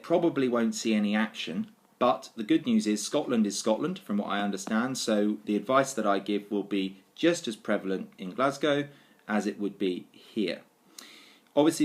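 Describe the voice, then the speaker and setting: A man presenting a mock travel report in a deadpan, mock-serious manner, outdoors in city streets. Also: lowish voice, breathy edge. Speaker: comic presenter.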